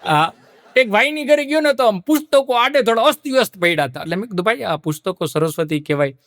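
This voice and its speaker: High bright stand-up comic. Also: male voice, lively intonation, fast talker, dry recording. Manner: laughing storyteller who sings snatches of old songs. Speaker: stand-up comedian. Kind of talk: stand-up joke telling.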